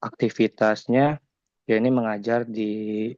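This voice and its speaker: Here is a young man from Bandung, in his twenties, introducing himself to a class. He talks very slowly in a lowish voice, and the recording sounds slightly dull and dry. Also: little pitch movement, darkish tone, no room sound. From Bandung, Indonesia. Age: 20s. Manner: slow, hesitant. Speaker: teacher and graduate student.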